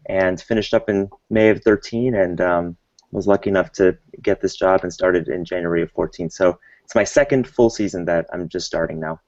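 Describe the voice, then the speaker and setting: A man from the Bay Area, a guest on a video call panel, who speaks in a steady, matter-of-fact way. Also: low voice, moderate pace, no echo. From San Francisco Bay Area. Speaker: associate conductor. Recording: dry, muffled video call audio.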